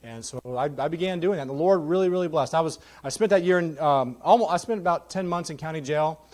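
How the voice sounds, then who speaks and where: A man in his thirties preaches his life story from a church pulpit, candid and quick to joke. His voice sits a bit higher than most men's, and his telling is lively and animated. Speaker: guest preacher. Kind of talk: testimony sermon. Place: church sanctuary.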